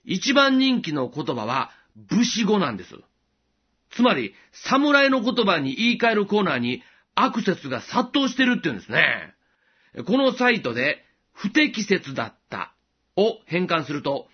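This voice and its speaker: Male radio preacher, high and lively pitch, earnest and measured delivery, dull lo-fi sound. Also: husky. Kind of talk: short radio devotional message.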